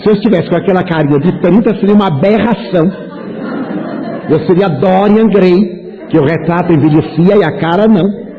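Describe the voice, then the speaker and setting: A man's voice: sits high, brisk, a crowd in the background. A man in his seventies with a Brazilian Portuguese accent gives a spiritist lecture, telling humorous stories and acting out little dialogues. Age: 70s. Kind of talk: lecture to an audience. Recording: tinny phone-like sound.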